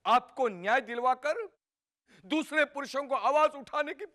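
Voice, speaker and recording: A man's voice: extremely high pitch, unhurried, heavily acted. An actor playing a pushy, self-important male activist with an emphatic, rallying way of speaking. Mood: zealous. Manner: emphatic, rallying, slogan-shouting. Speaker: activist for a men's rights group. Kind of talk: sitcom acting.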